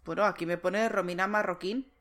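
A woman's voice: on the low side, steady tone, fairly quick, fairly bright tone. A woman, co-hosting a casual chat, chiming in and checking facts. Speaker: podcast co-host.

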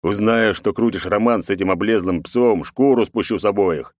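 A man voicing a gruff, commanding middle-aged emperor and father in an audiobook. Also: lowish voice, moderate pace, no room sound, studio quality, lightly acted. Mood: stern.

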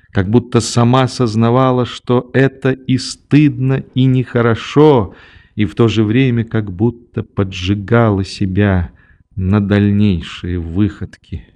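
A male audiobook narrator telling a classic story slowly and steadily. His tone is dark and mellow, and his delivery is measured and unhurried, in scripted narration. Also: on the low side. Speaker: audiobook reader.

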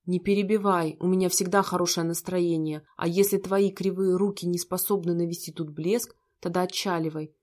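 A woman's voice: on the low side, fairly even intonation, moderate pace, few pauses, darkish tone, close to an everyday voice. A woman voicing a cold, bitter rich young man who talks in a harsh, scornful way.

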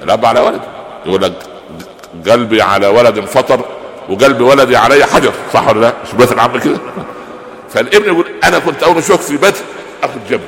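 A man's voice: mid-range voice, slight background noise. A man with an Egyptian accent teaching a religious lesson, asking his listeners rhetorical questions and joking with them. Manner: lively, rhetorical questions, jokes. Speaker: preacher explaining hadith. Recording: echoey hall with long reverb.

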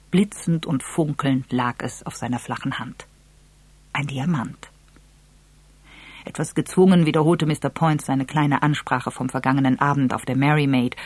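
A narrator reading a story aloud in an even, measured way. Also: medium pitch, slightly rough, no room sound. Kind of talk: audiobook narration.

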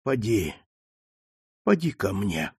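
A man reading an audiobook, voicing a frail, confused old marquis who speaks slowly in a hushed, trembling voice. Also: lowish voice, sing-song, slightly rough, dry recording, clean studio sound, voice pushed down, heavily acted. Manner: slow, hushed, trembling speech.

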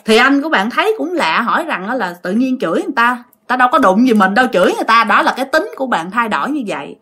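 A woman's voice: a little high, sing-song, fast, sharp tone, breathy edge. A woman with a Southern Vietnamese accent, telling a ghost story in a chatty way and speaking straight to her listeners. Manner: chatty, addresses listeners directly.

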